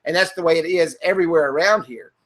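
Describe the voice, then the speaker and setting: High, bright-voiced man teaching sales. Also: quick pace. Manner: energetic, repetitive, many "okay?" and rhetorical questions. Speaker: sales trainer. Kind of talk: webinar training talk. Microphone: computer mic in a webinar.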